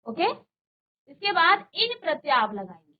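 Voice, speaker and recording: A woman teaching a grammar lesson to a virtual class, slowly and patiently, repeating word pairs and asking the class questions. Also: very high voice, sing-song, phone-quality sound. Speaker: Hindi teacher. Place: studio.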